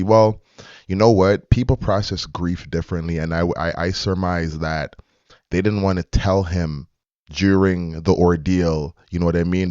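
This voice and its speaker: A man hosting, commenting on a story in a calm, reflective way with elaborate wording. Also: low-pitched, no room sound. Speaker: host. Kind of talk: casual commentary. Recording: dry, slightly dull.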